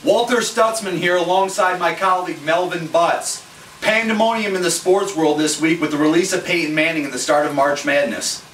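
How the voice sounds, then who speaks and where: Echoey man doing stiff parody sports anchor, straight-laced, easily baffled, voice a bit high, faint hiss. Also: normal speed, fairly bright tone, close to an everyday voice. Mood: businesslike. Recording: echoey, distant mic, faint noise.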